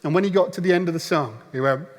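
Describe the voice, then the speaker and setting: A man delivers a sermon as a storyteller, now and then slipping into the voices of the people in his story. His voice sits a little on the higher side. The sound carries the long reverb of a large church hall. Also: fast. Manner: storytelling, acts out voices of the crowd. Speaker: pastor. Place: church auditorium.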